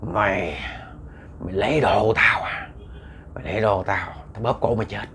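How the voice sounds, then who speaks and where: A man voicing a vengeful woman ghost who threatens to strangle, in a low, threatening growl. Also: normal speed, a bit bright, slight background noise, lightly acted. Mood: menacing.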